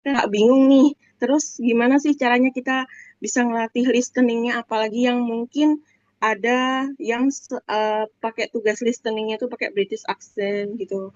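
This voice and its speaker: A woman's voice: on the high side, darkish tone, dry recording. A young female student asking a hesitant question over a video call, with many fillers. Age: young adult. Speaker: student participant. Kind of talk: casual question. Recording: dull lo-fi call audio.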